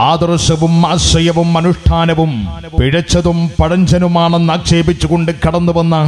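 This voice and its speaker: A man with a Kerala accent declaiming a scripted public announcement in long, formal, rolling sentences, as an event announcer. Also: on the high side. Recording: faint music behind the voice. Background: faint music.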